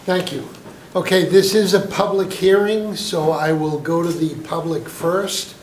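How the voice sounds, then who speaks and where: A man chairing a town council meeting, running motions and votes in a brisk, genial procedural way. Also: fairly high pitch, fairly even intonation. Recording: echoey council chamber with background noise.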